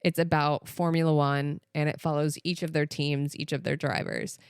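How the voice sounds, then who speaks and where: An American woman co-hosting a podcast, talking in a chatty, animated way full of "like" and "literally". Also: deep voice, normal speed, clean tone, no echo. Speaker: podcast co-host. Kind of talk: casual chat.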